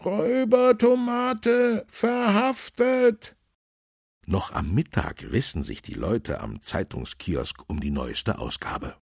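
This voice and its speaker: A man's voice: rumbling low, creaky, husky, no echo, clean studio sound. A man reading a children's story aloud, acting out the characters. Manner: slow, lively storytelling voice.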